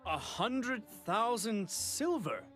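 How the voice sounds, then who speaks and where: A theatrical male auctioneer announces bids with drawn-out, showy calls. His voice sits high and swings a lot. Slow pacing and faint game music fill the gaps. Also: big pitch swings, fairly bright tone, heavily acted. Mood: announcing. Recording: game audio with music behind.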